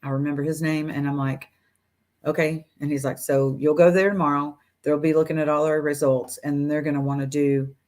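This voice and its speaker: Animated woman telling her story. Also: low-pitched, fairly quick. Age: 40s. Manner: animated, acts out doctors' lines, laughs between phrases. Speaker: guest. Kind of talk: casual storytelling interview. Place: room at home. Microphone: video call.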